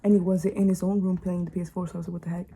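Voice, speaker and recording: A woman's voice: on the low side, level tone, very fast, warm tone, slight background noise. A woman vlogger chatting casually and telling a story, giggly, with Spanish words dropped in.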